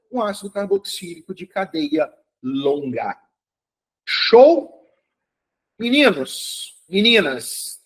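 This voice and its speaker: This man's voice sits high, and the recording is rough. He runs a live online chemistry review with upbeat encouragement, calling on students by name and often checking that they follow.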